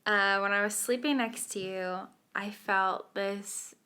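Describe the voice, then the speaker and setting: A woman co-hosting a casual podcast tells her story with a clear, bright tone. She laughs a lot and sinks into a near whisper when things get tense. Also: mid-range voice, takes it slowly. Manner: animated, laughs often, drops to a hush for tense moments. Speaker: podcast co-host.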